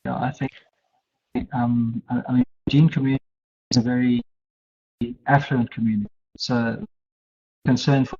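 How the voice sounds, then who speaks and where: A man speaking haltingly in an unscripted online conversation as a conference speaker, with many restarts, while his choppy audio keeps dropping out at uneven volume. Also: medium pitch, level tone, warm tone, husky. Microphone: video call. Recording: dull lo-fi call audio.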